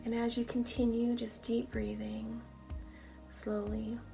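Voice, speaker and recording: A woman guiding a slow breathing prayer in a soft, hushed, breathy delivery with long pauses. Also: fairly high pitch, completely flat delivery. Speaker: spiritual practice guide. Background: music.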